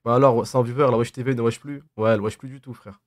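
A man in his twenties streams from a desk in a small, dim room, quickly reading and replying to comments in teasing, slangy banter with a lisp on his s sounds. His medium-pitched voice keeps a fairly even intonation, and the studio-quality audio has no room sound.

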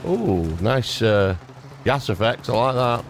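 Slight background noise and game music accompany this gaming YouTuber's relaxed, playful play-by-play, dotted with exclamations and mild stand-in swears. He has a medium-pitched voice with lively intonation and a slow pace.

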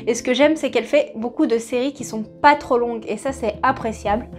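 High-voiced woman chatting over soft music. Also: fairly quick. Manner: chatty, with frequent hesitations. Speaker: book vlogger. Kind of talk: casual manga haul vlog. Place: home room in front of a bookshelf. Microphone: camera in front at mid-shot.

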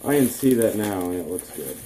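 A teenage man chatting casually through an unboxing vlog in his bedroom, relaxed and rambling with plenty of ums. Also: on the low side, a little fast, noisy background. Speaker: vlogger. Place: small bedroom, indoors.

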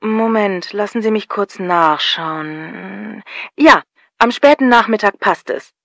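A woman's voice: mid-range voice, lively intonation, takes it slowly, vocal fry, no room sound, clean studio sound, full character voice. A woman playing a polite, businesslike customer service agent at an electronics store in a scripted dialogue. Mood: polite, helpful.

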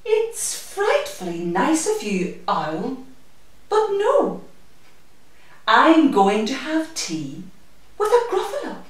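A small storybook mouse, acted out by a woman, polite, sly and cheerful. The voice swoops up into high, sing-song notes, exaggerated for little listeners. It is heard from a distance in a very echoey room. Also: huge pitch swings, slow, pauses often, full character voice.

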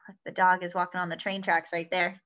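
A young adult woman reads a picture book aloud to children in a small indoor room at home, using an animated, sing-song storytelling style with expressive character lines and small asides to her listeners. Her voice is lowish and fairly quick. The webcam sound is dull and lo-fi.

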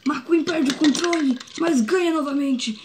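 A woman's voice: high voice, a little slow, voice pushed up. A woman playing a race commentator in a cartoon car world, giving sports commentary. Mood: excited. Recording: noisy home recording with clicks.

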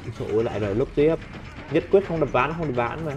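Over game music and sound effects, a man delivers let's play commentary on his own gameplay in a mid-range voice at a fast pace. He is excitable, talking and swearing at the on-screen opponents.

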